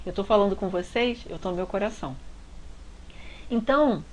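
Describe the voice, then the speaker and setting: A woman's voice: mid-range voice, normal speed, a little hiss or hum, poor audio. A woman with a Brazilian Portuguese accent, a relationship coach telling a personal story in a heartfelt, confiding way. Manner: heartfelt, confiding, frequent tag questions.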